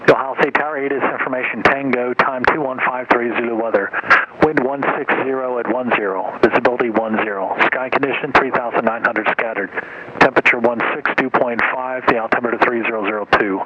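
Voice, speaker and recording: A man reading an airport weather and runway bulletin over aircraft radio, reciting numbers and aviation codes in a steady way. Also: mid-range voice, fairly quick. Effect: airport weather information broadcast over aircraft radio. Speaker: recorded airport information announcer. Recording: muffled radio audio with faint hiss.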